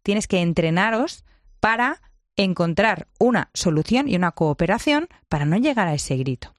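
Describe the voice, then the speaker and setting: Una mujer con acento de España que da consejos de crianza con énfasis, imitando frases de otros. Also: female voice, mid-range voice, normal speed, no room sound, studio quality. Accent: Spain Spanish. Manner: lively, emphatic, acts out quotes. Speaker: parenting guest expert. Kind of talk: conversational advice.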